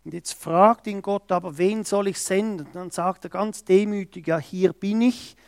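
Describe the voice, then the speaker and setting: Man, mid-high voice, preaching slowly and deliberately, dry close sound. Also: fairly even intonation, gravelly, smooth, dry recording. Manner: slow, emphatic, acts out quoted speech. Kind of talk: sermon.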